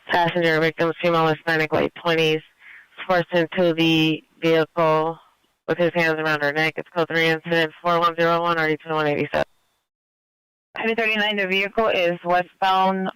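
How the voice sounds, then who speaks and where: A man's voice: a little high, a bit bright, clean tone, no echo, poor audio. A man working as a police radio dispatcher, giving clipped procedural call-outs over the radio. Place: police scanner radio feed.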